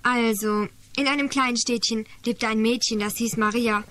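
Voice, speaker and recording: A woman voicing a patient girl who tells a story calmly and scolds when interrupted, in 1980s radio drama acting. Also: on the high side, normal speed, no echo, close to an everyday voice. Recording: noisy old tape recording.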